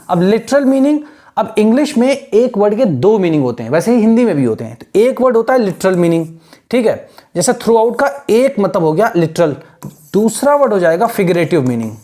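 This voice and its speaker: Patient teacher, lively mellow voice. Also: male voice, high-pitched. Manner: explains patiently, mixing Hindi and English, spells words out slowly. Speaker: English teacher for exam aspirants. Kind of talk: classroom lecture.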